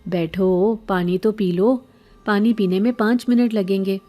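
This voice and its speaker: A woman voicing a grown man in a horror story, smooth and falsely hospitable. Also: mid-range voice, steady tone, mellow, soft background music, lightly acted. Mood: fake friendly. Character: adult man, fake-friendly kidnapper.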